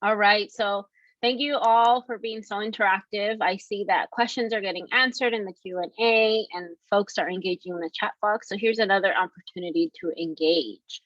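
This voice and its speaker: A woman's voice: mid-range voice, steady tone, moderate pace, a bit bright, no echo. A woman hosting a webinar question and answer session in a friendly way, reading audience questions aloud. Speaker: webinar host. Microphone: video call. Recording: dry, muffled call audio.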